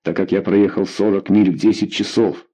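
A man's voice: deep voice, fairly even intonation, moderate pace, warm tone, slightly rough. A man voicing a weary young king in an audiobook reading, speaking with urgent, commanding force. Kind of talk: audiobook character voice.

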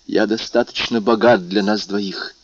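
A man's voice: on the low side, steady tone, unhurried, dry recording, dull audio. A man as an earnest young lover. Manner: earnest, intense. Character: passionate young man in love, determined.

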